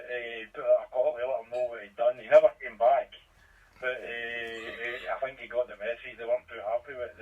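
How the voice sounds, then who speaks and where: A man's voice: medium pitch, breathy edge. A man on amateur radio telling an easygoing story with hesitations. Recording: distant, muffled radio transmission.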